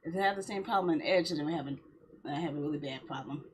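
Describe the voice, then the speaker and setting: A fast-talking woman whose voice sits low rambles casually to viewers during her game livestream. She comes off mildly complaining and self-justifying, with steady background noise behind her.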